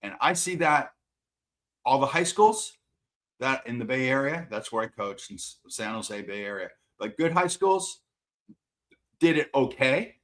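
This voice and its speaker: A man's voice: mid-range voice, lively intonation, measured pace, pauses often, a bit bright. A man who coaches swimming and water polo, answering interview questions in a plain-spoken, self-deprecating way and repeating words as he gathers his thoughts.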